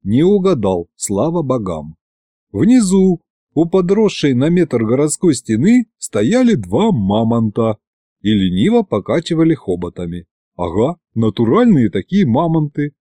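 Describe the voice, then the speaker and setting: A man narrating an audiobook in a chatty, lively storytelling manner. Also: medium pitch, measured pace, dry recording.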